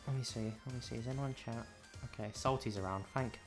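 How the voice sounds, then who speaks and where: A man's voice: medium pitch, quick pace, creaky, music in the background. A man, co-commentating casually, blunt and distracted, swearing often. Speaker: tournament organizer and co-commentator. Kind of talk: casual commentary and stream chat.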